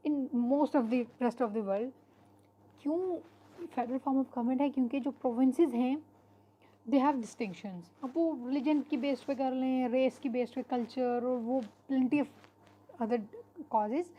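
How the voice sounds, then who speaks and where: A woman teaching an online class. Her voice sits fairly high yet sounds mellow and warm. She explains in an unhurried way and pauses on fillers. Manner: explanatory, mixes English terms into Hindi-Urdu, frequent fillers. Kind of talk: online lecture.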